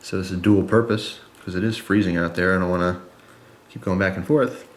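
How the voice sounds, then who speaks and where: A man's voice: deep voice, fairly even intonation, a little fast, reverberant. A man chatting casually and informally to viewers, explaining step by step as he demonstrates a product in a review video.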